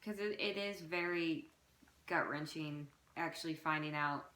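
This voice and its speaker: A woman in her late twenties chatting casually with brief, relaxed remarks. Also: sits low, a little slow. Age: 20s. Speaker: vlogger. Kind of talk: casual home vlog chat. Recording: echoey room.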